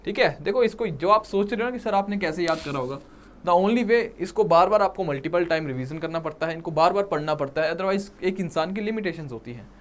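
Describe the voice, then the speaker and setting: With lively intonation and a high-sitting voice, a man with a Punjabi accent preps students for an exam by teaching English vocabulary. He mixes in Hindi, stretches out repeated words for emphasis, and regularly asks "ठीक है?" and "right?".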